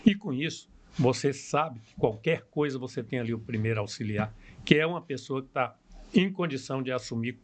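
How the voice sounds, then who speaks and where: An older man with a Brazilian Portuguese accent, a plastic surgeon answering interview questions in a calm, measured, explanatory way. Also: medium pitch. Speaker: plastic surgeon, podcast guest.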